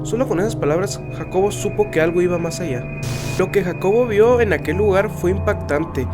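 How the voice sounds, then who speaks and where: A man reads scripted mystery narration like a dramatic horror trailer. His voice sits a little high for a man, and music plays clearly behind him. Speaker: podcast narrator. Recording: music bed under the voice.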